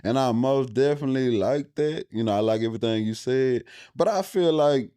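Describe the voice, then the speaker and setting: A man's voice: medium pitch, a little fast, mellow, clear, resonant tone, no echo. A man hosting a podcast interview, talking casually in loose, rambling, slangy sentences. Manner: rambling, loose slangy talk full of "you know". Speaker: podcast host.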